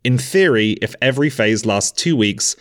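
A man hosting a podcast, reading scripted narration in a measured, explanatory way. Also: mid-range voice, lively intonation. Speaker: podcast host.

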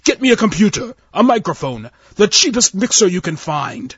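Man doing a growly mad alien admiral, eye stalks and all, barking orders, husky, kinda lo-fi. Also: sits high, big pitch swings, moderate pace, no echo, voice pushed up, full character voice. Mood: roaring. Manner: growling, commanding, blustering. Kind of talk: audio story reading.

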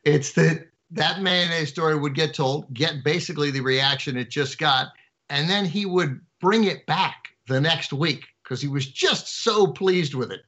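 A man's voice: a little high, a little slow, a bit bright. A man in his fifties with a New Jersey accent, co-hosting a talk show, who teases dryly and hesitates often with fillers. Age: 50s. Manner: dry teasing, hesitant with many fillers. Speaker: podcast co-host. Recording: dull lo-fi remote audio.

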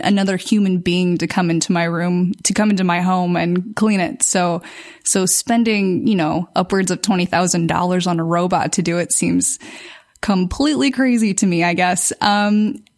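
A woman speaking casually as a podcast panelist, hedging with fillers. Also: mid-range voice. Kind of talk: casual chat.

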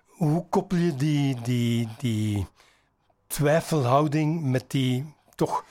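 A man interviewing a guest, asking long, measured, probing questions. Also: medium pitch, darkish tone.

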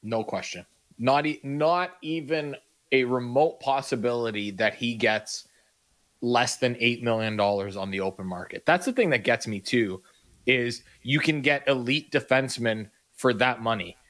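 A man's voice: medium pitch, normal speed, a bit bright. Blunt sports radio co-host, man. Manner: blunt, agreeing, emphatic. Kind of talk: casual sports radio talk.

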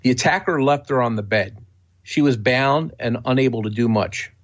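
A man co-hosting a podcast, reading a scripted true-crime narration in a steady, matter-of-fact way. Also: mid-range voice, normal speed, lo-fi sound. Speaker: podcast co-host.

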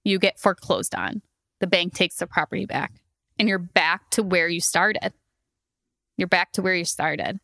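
A woman's voice: fairly low pitch, animated, normal speed, creaky, sharp tone, no room sound, clean studio sound. A woman co-hosting a podcast in casual chat, chatty and laughing often, with many fillers. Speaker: podcast co-host.

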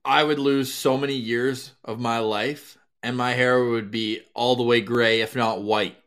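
A man hosting a sports podcast in easy, joking banter. His pitch sits in the middle range, and he turns upbeat when he plugs the show. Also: steady tone, unhurried, a bit bright, smooth. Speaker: podcast host. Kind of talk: casual sports podcast chat.

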